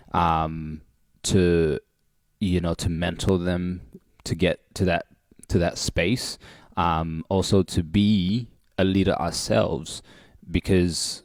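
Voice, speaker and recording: A man's voice: low voice, darkish tone, no echo. A man speaking casually as a panellist in a livestream discussion. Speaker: youth arts panellist.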